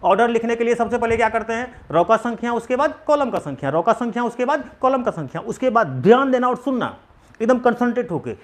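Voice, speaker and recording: Energetic coaching-class maths teacher, keeps asking the class questions and answering them with lively emphasis. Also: mid-range voice, fast talker. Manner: drills key points by repeating them emphatically. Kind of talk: exam-prep maths lesson.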